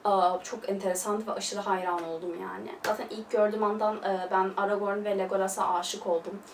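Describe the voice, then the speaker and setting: A woman's voice: medium pitch, steady tone, brisk. A young woman chatting through a casual film review, gushing and loose, full of fillers. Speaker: film vlogger. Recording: roomy, distant mic, faint hiss.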